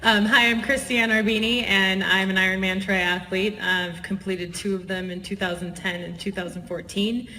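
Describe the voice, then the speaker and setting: A woman's voice: medium pitch, fairly even intonation, moderate pace, few pauses, bright, forceful tone, slight background noise. A woman speaking briefly on an athlete panel, with a few fillers. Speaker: panelist, triathlete. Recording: reverberant event hall.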